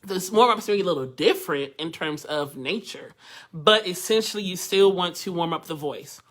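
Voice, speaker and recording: A male voice teacher runs a live online workshop, speaking at normal speed in a high, bright and forceful voice. His manner is loose and chatty, with frequent laughter and calls out to viewers as he teaches.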